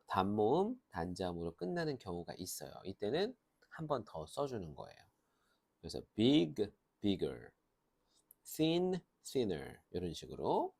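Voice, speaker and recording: A man's voice: mid-range voice, darkish tone. A man teaching a grammar lesson, explaining step by step and asking and answering his own questions. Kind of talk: lecture.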